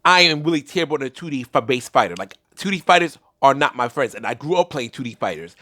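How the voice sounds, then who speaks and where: A man's voice: mid-range voice, animated, fast, sharp tone, no room sound, clean studio sound. A young man giving casual solo commentary on a fighting game, rambling with restarts and fillers. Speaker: gaming commentator.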